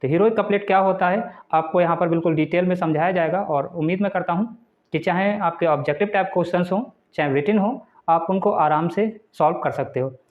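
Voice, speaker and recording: A man teaching a lecture for exam students, slowly reading out English definitions and then explaining them point by point. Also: high-pitched. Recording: dull lo-fi recording.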